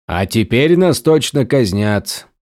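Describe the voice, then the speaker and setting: Brief: man reading a calm, wry male mercenary, lively dry irony. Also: mid-range voice, slow pace, no echo.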